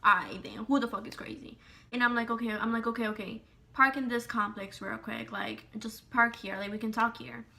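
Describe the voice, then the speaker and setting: Woman vlogger, bright clear voice, casual storytime, swears a lot, acts out quotes. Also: on the high side. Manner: profane, rapid, animated retelling with quoted dialogue.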